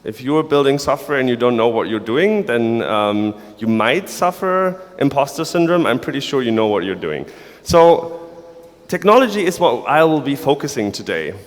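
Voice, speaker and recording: Man giving a wry talk in a hall. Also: mid-range voice. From Germany. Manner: playful, sarcastic. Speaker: conference speaker. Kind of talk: conference talk. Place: large conference hall. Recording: long reverb of a large hall.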